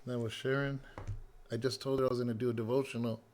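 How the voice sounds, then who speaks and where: Still getting his voice back after a cold, this Californian pastor sounds slightly hoarse and raspy at a plain middle pitch. He talks fast, relaxed and personal with his congregation in a casual spoken devotional update, rambling through stories with plenty of "um" and "you know." A faint hiss or hum sits in the recording.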